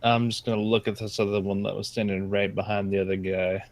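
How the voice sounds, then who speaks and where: A man's voice: lowish voice, completely flat delivery, fast talker, darkish tone, no room sound. A man playing a tabletop game, talking in an unsure, hesitant way. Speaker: player. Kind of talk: casual tabletop game talk.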